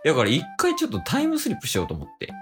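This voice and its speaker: A man's voice: a little high, wildly swooping pitch, very fast. A man in his late twenties with a Kansai accent, playfully teasing and scolding his partner in an improvised comedy skit. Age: late 20s. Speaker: comedy duo member. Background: background music.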